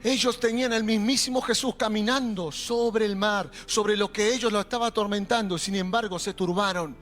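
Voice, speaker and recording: A young adult man preaching a sermon in a Rioplatense accent, animated and calling out to the congregation. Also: high-pitched, moderate pace. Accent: Rioplatense Spanish. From Argentina. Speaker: pastor. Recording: faint music behind.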